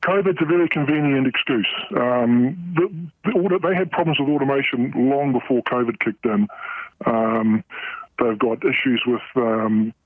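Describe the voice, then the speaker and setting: A middle-aged port worker is interviewed for radio news, his voice disguised to conceal who he is. At a medium pitch, he speaks haltingly with lots of fillers and restarts. The dry recording sounds like a tinny phone line.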